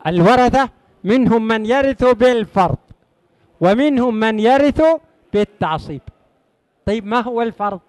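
A man's voice: extremely high pitch, normal speed, pauses often, darkish tone, no room sound. A man teaching a religious lesson on inheritance law, emphatic and repeating key phrases for his students.

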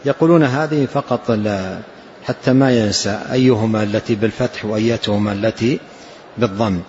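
A man teaching a religious lesson, explaining hadith in a measured way and repeating key phrases as he goes. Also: lowish voice, a little mellow, lo-fi sound, a little hiss or hum.

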